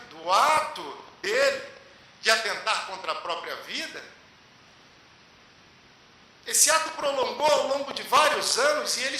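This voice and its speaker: Man, spiritual lecturer, high lively voice, measured emphatic pauses, big echoing hall. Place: lecture hall at a public meeting. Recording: echoey hall with faint hiss.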